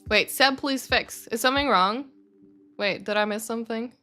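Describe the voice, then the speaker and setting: Over soft background music, a young woman's high, sharp voice moves at a moderate pace. She's from Sweden and serves as community manager for a game studio, rambling through viewer questions on a livestream with lots of fillers and self-corrections.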